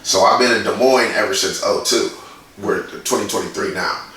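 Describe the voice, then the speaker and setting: A man's voice: fairly low pitch, normal speed, bright, forceful tone, heavy reverb, far from the mic, poor audio. A man in his forties from Indiana, a guest in a casual interview, who tells stories bluntly and swears freely. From Indiana, USA. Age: 40s. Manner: blunt, profane, storytelling. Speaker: guest, graffiti artist.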